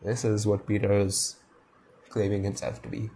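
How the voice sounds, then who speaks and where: A man's voice: lowish voice, flat delivery, moderate pace, dark tone, a little hiss or hum. A man reading a novel aloud and stopping to muse on it enthusiastically. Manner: enthusiastic, muses aloud between passages. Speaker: reader discussing a novel.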